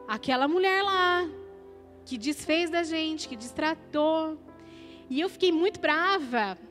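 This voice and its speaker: A woman's voice: sits high, a bit bright. A Brazilian woman giving an emotional, conversational testimony in a church service, often tagging her sentences with questions.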